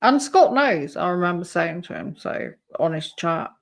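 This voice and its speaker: A woman's voice: on the low side, animated, moderate pace. Chatty woman live-streamer. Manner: chatty, reacting to a clip and reading chat aloud. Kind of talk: casual live-stream chat.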